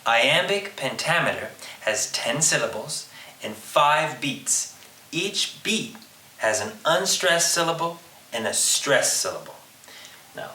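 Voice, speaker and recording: A man's voice: mid-range voice, bright, forceful tone, recorded from a distance. Man teaching a literature video lesson. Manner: explanatory, addresses students directly with prompts. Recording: roomy, off-mic, faint hiss.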